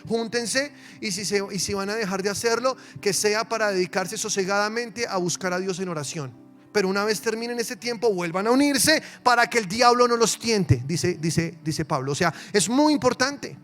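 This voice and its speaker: High-voiced pastor preaching animatedly. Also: male voice, moderate pace, faint music behind. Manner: animated, swings between loud emphasis and soft asides. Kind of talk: lively sermon with acted-out quotes.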